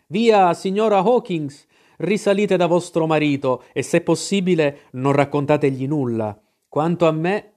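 A man voicing a brisk country doctor who dismisses fuss and gives firm orders. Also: on the high side, darkish tone. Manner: brisk and commanding.

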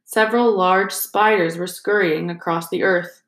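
A woman narrating a fantasy novel as an audiobook, in a steady storytelling manner. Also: fairly low pitch, unhurried. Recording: roomy echo.

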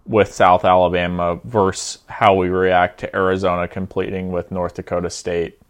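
A man's voice: low-pitched, level tone, moderate pace. A young man co-hosting a podcast, talking through college football rankings in a thoughtful, hedging way, often restarting his sentences. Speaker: podcast co-host. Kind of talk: casual sports betting chat.

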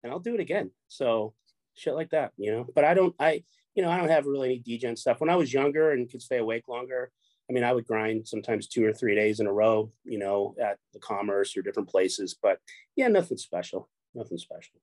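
Here the middle-aged Chicago poker show runner talks as a guest in a fairly quick, mid-range voice that's a little mellow, with no echo. The casual chat rambles, full of repeated words and free swearing.

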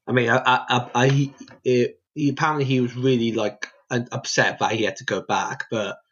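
A man's voice: mid-range voice, steady tone, fairly quick, a bit bright, husky, highs cut off. Rambling male podcast co-host. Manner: rambling, hesitant, lots of fillers. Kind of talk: casual conversation.

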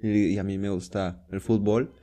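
A man's voice: level tone, normal speed, dark tone. A young Mexican man co-hosting a casual chat, rambling through stories and acting out quoted voices. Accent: Mexican Spanish. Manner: rambling storyteller, acts out shrill quotes. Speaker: co-host.

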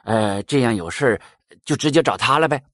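A man's voice: mid-range voice, animated, brisk, fairly bright tone, dry recording, studio quality, lightly acted. A man voicing a hesitant elderly male adviser deity who hems with fillers. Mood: respectful advising.

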